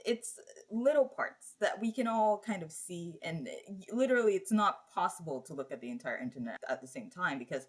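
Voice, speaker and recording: A woman's voice: lowish voice, fairly bright tone, breathy edge. A young woman who grew up in Nigeria, a university student guest explaining her research thoughtfully in a casual interview. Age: young adult. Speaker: undergraduate guest.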